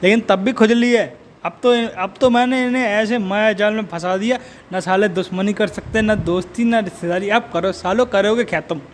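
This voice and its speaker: A man's voice: high-pitched, moderate pace, a little hiss or hum. A man delivering a profane, mocking comedic rant. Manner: abusive, mocking rant with frequent swearing. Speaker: comedic roaster.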